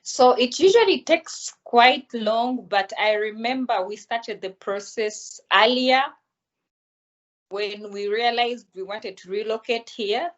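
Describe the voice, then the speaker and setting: A young woman, calmly explaining her experiences as an interview guest over a video call. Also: on the high side, takes it slowly, dull audio. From Uganda. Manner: calm, explanatory. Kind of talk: answering interview questions.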